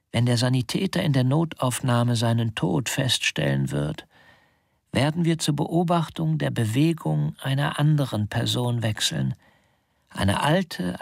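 A man reading literary narration in a slow, deliberate way, often sinking into a whisper. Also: medium pitch, gravelly, no echo, clean studio sound.

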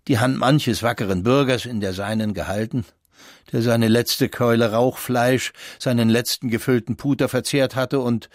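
A man's voice: mid-range voice, no room sound. Man narrating a classic novel, dry sound. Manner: measured, expressive storytelling. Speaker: audiobook narrator. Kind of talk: scripted literary narration.

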